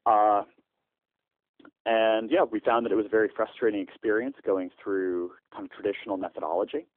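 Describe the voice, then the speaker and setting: A man speaks in a very low voice over a landline phone, and the line sounds thin and tinny. The sound is dry and close. He answers in a halting way, with many "uh" fillers and restarts. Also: no echo. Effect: heard over a landline phone. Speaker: startup founder interviewed by phone.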